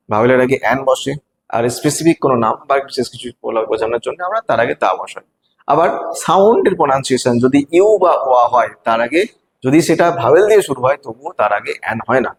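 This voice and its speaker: A male teacher, explaining grammar step by step in an exam-prep lesson and reading example sentences slowly. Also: medium pitch, creaky, big-room sound, a little hiss or hum, low-quality recording. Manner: explains step by step, asks rhetorical checks.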